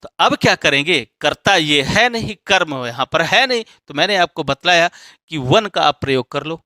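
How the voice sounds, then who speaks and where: A man's voice: fairly high pitch, expressive, moderate pace, pushed and bright, no room sound. A man teaching English grammar, explaining step by step and checking often that students follow.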